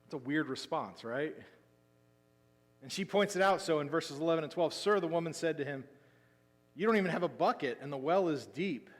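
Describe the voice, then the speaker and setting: A man preaching a sermon as pastor, telling the story with lively emphasis that drops into quiet asides. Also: a little high, brisk. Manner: animated storytelling, swinging between loud emphasis and quiet asides. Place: church sanctuary. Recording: long hall reverb.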